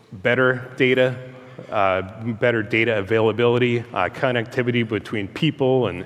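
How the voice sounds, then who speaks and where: A man giving a public talk as a transportation engineer, amplified through loudspeakers, speaking in a conversational, hesitant way and asking the audience questions. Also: medium pitch. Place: large hall. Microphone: handheld or stand microphone into a PA system. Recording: reverberant hall, heard through loudspeakers.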